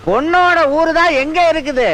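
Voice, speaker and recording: High, bright-voiced quarrelsome man. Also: normal speed, slight background noise. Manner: quarrelsome, scolding, sarcastic. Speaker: comic actor in film scene. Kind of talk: film comedy dialogue.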